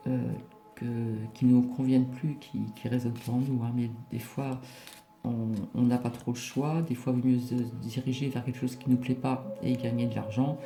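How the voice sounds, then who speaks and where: A man with a fairly ordinary pitch gives an informal oracle card reading, talking directly to his viewers. He hesitates and circles back over his phrases. The room adds clear echo, and music plays behind him. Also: little pitch movement, dark tone. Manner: hesitant, repeating himself, halting. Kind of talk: casual spiritual card reading, addressing viewers.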